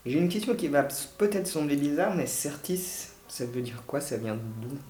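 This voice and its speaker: Slow, measured woman radio interviewer. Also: deep voice, animated, darkish tone, slight background noise. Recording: echoey room.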